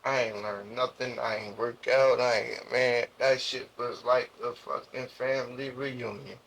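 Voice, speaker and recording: A young man from Jersey City with a New Jersey accent, telling his story as an interview guest in slangy, halting speech full of restarts. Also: medium pitch, flat delivery, creaky, fairly bright tone, slight background noise, low-quality recording. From Jersey City, USA.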